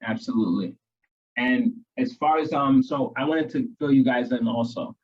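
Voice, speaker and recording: A man's voice: medium pitch, moderate pace, husky, dull audio. A man from New York co-hosting a casual real estate training chat, explaining tips in an earnest coaching way. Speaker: real estate agent co-host.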